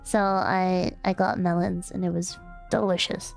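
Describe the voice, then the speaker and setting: This young female streamer talks a little slowly in a lowish, gravelly voice with a level tone. She giggles and rambles, restarting often and filling pauses, teasing and doting on her chat as faint music runs underneath.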